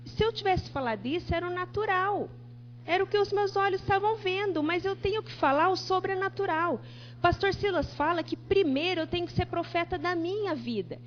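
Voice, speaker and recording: A woman's voice: extremely high pitch, a little fast. A woman preacher giving a sermon in church, telling her story and acting out the conversations in it. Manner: animated storytelling, acting out dialogue. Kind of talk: testimony sermon. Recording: dull church TV recording with faint hum.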